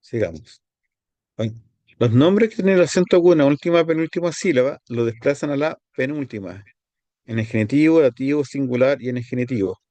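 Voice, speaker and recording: A male teacher talks through a Greek grammar lesson. He goes step by step and repeats each word form slowly. The sound is dry and close, with no room echo. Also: mid-range voice, animated, dark tone. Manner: explains step by step, repeats words slowly, pauses to find his page.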